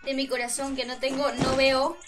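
A woman's voice: sits high, level tone, normal speed. A young woman live-streaming a game, chatting playfully with her chat and shrieking during fights. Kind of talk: casual live-stream chat while gaming. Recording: loud music playing under the voice.

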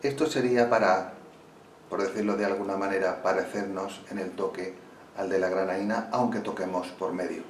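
Low-voiced man teaching flamenco guitar. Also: fairly even intonation, moderate pace, far from the mic, slight background noise. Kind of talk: guitar lesson explanation. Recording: roomy sound from off mic with loud guitar.

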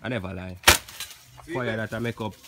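A young man with a Jamaican accent chatting excitedly to a phone camera in an outdoor yard as he hosts a cooking vlog. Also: on the low side, normal speed, creaky, a loud crowd. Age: young adult. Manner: excited, loud patois banter to camera. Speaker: vlogger. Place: outdoor yard among banana trees. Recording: loud outdoor background noise.

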